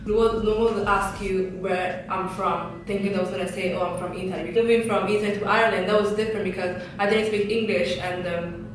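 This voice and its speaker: A woman's voice: mid-range voice, steady tone, brisk, hardly any pauses, noisy background. A young woman from Ghana speaking hesitantly in a casual group discussion. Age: young adult. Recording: echoey room, distant mic, music behind.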